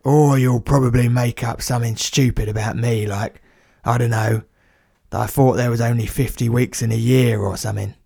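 A man's voice: mid-range voice, steady tone, moderate pace, creaky, dark tone, husky, dry recording, pitched below the performer's own voice. A man doing a cheeky plumber, blunt and matey, tossing out slang with a grin in his voice. The sound is bone-dry and close to the mic, like a small studio booth. It is a comic audio story. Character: cheeky working-class male plumber, blunt.

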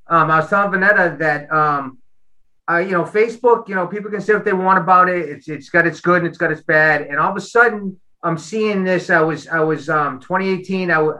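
Guy with a real sharp bright voice, tells his story all animated. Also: high voice, fairly quick, low-quality recording. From Boston. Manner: animated storyteller, repeats words. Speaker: guest athlete. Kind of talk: casual storytelling interview.

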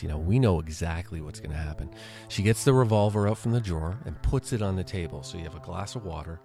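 Against loud background music, a podcast host with a low, gravelly voice casually recaps an old crime episode scene by scene, dropping wry, sarcastic asides.

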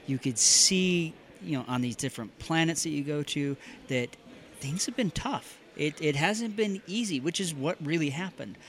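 A man's voice: fairly high pitch, animated, normal speed, a bit bright, slight background noise. Chatty man reviewing a game. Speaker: podcast panelist. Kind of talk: casual review chat.

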